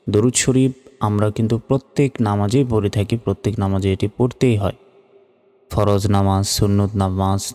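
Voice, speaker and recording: A calm religious teacher with a low male voice gives a recitation lesson, slowly drawing out Arabic recitation between explanations in Bengali. The recording is reverberant, with faint music in the background.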